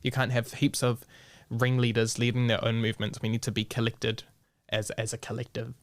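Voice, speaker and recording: A young man with a New Zealand accent talks frankly in a relaxed interview, swearing freely and dropping in Māori words. His voice sits at an ordinary middle pitch. The recording is close and dry, with no room sound. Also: a little fast, dry recording. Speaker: guest. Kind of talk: casual podcast interview.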